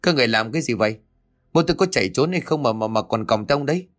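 A man's voice: mid-range voice, animated, fast talker, natural voice. A man voicing a hot-tempered young man defending his father. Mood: angry. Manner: angry shouting.

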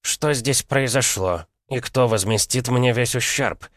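A man's voice: mid-range voice, a little slow, a bit bright, no echo, clean studio sound, voice pushed up, lightly acted. A man voicing an arrogant, pompous noble prince who speaks haughtily and drawn out. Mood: indignant.

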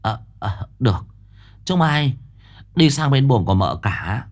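A man voicing a stern older mother-in-law who barks orders and scolds in a shrill, high voice. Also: big pitch swings, normal speed, a bit bright. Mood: flustered.

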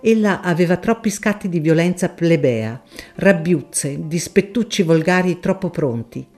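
A woman narrating a literary audiobook in a measured, expressive storytelling manner. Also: lowish voice, faint music behind.

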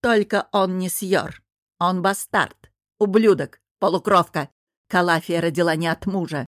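A woman's voice: fairly low pitch, fairly even intonation, measured pace, no room sound, studio quality, lightly acted. A woman voicing a stern, vengeful middle-aged queen in an audiobook, giving orders in a cold, scornful way. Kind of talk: audiobook character reading.

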